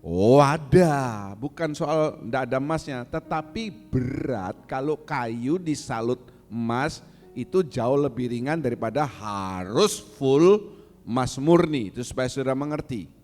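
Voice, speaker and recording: Man pastor, sermon, lively rising and falling voice, long church echo. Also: medium pitch, a little slow, soft background music. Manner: lively preaching, asks the congregation questions; acts out angry insults in a raised voice. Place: church hall.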